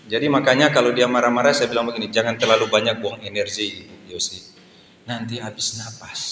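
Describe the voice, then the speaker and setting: Guy in his fifties giving a lively sermon, long echo in a church hall. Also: medium pitch, a little hiss or hum. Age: 50s. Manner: lively preaching, acts out voices in asides. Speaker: pastor. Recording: echoey hall with faint ambience.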